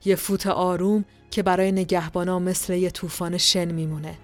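A woman narrating a dark fantasy story as a podcast storyteller, in a calm, steady, dramatic way. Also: lowish voice, soft background music.

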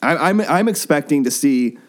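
A podcast host jokes around in a casual chat about comic books, recorded in a basement. His voice is a little high and expressive at a moderate pace, and he often breaks off mid-sentence to start again.

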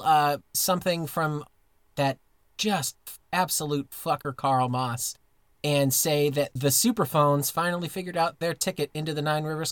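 A man's voice: fairly high pitch, dry recording. Man recording from inside a closet. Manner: rambling storyteller with many fillers and restarts. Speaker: podcast co-host. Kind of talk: casual comedic chat.

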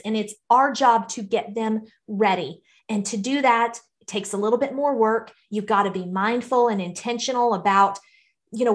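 A woman with a fairly high voice speaks as an interview guest. She is earnest and encouraging, and talks in a loose, conversational way. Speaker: podcast guest, financial educator for parents.

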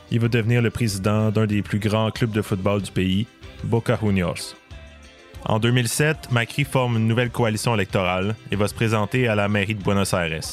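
Low-voiced man narrating over soft music. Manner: measured, explanatory. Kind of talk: scripted documentary narration. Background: faint music.

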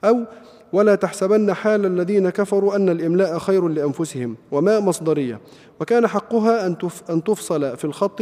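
A man, a student reading a classical commentary aloud in a rapid, even recitation. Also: a little high. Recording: long reverb of a hall.

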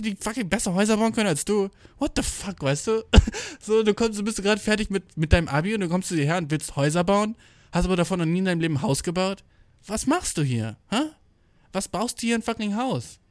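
A young man rants in a loose, rambling way, full of slang and cursing, often acting out what he and others said. His voice sits a little high for a man and the sound is dry and close, with no room around it. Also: no room sound. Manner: rambling, heavy slang and swearing, quotes himself. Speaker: vlogger. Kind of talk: casual slangy monologue. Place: indoors, travelling abroad.

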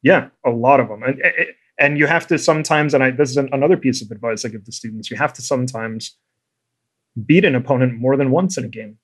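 A man's voice: mid-range voice, fast talker. A man hosting a podcast, reflective, asking probing questions and giving coaching advice. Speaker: podcast host, chess coach. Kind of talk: casual conversation.

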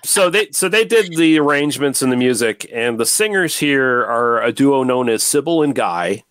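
A man's voice: medium pitch, animated, normal speed, fairly bright tone, smooth, no room sound. A man hosting a podcast, rambling and teasing his co-hosts in casual chat. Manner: rambling, laid-back, teasing. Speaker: podcast host.

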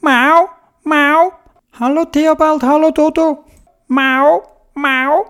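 A woman voicing a sleepy, complaining female cat with a high meowing voice and a Swiss German accent. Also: steady tone, takes it slowly, fairly bright tone, full character voice. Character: sleepy, grumpy then grateful female cat.

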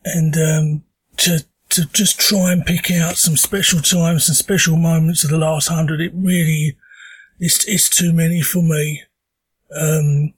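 A man with an Essex accent, hoarse from a sore throat, leaving an informal recorded message. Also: on the high side.

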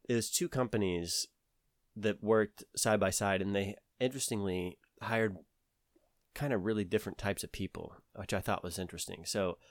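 Rambling Southern man, low dry voice. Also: normal speed, dry recording. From American South. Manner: rambling, lots of fillers and restarts. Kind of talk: casual conversation.

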